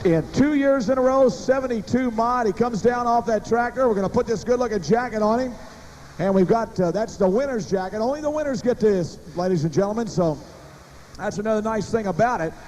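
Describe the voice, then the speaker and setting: A man giving excited live sports commentary as a showmanlike announcer who builds suspense for an arena crowd. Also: high-pitched, fairly quick, poor audio. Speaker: tractor pull announcer and interviewer. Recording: live arena sound with faint engine noise.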